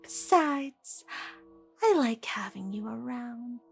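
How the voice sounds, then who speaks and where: The Joker, a slow, taunting villainess. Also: female voice, a little high, animated, creaky, husky, faint music behind, exaggerated voice. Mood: falsely sweet, scheming. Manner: taunting, theatrical, slipping between whispers and outbursts. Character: deranged female Joker, playful, menacing asylum villain. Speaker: voice actor in an audio roleplay. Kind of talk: ASMR audio roleplay acting.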